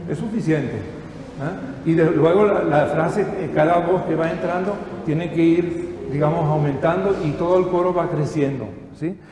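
A man's voice: fairly high pitch, normal speed, mellow. Older male choir director, echoey hall. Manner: patient, encouraging, with dry humor. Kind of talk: choral rehearsal instruction. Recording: echoey hall, faint background noise.

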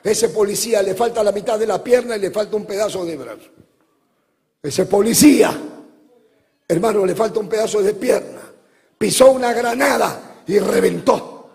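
A male pastor preaching a sermon, telling stories with passion and breaking into shouts. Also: sits high, normal speed, vocal fry, long pauses. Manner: impassioned storytelling preacher, bursts into shouts. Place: church, live service. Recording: long hall reverb from live church.

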